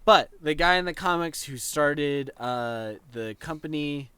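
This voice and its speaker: A man's voice: a little high, a little slow, fairly bright tone, clear, resonant tone, dry recording. A man co-hosting a podcast in casual chat, rambling and playful as he riffs on a topic. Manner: rambling, playful, gestures while talking. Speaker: podcast co-host.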